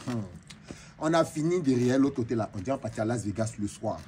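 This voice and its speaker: A man's voice: mid-range voice, expressive, brisk, mellow, a little hiss or hum, close to an everyday voice. A man with an Ivorian French accent playing a flamboyant, boastful female braider chief who tells comic tales and slips into broken English. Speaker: comedian. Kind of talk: comic monologue in character.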